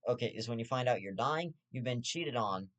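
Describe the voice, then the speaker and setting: A man's voice: medium pitch, expressive, brisk. Young male host, profane rambling rant, stammers and restarts, half-serious. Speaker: host of his own commentary show. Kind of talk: ranting casual commentary.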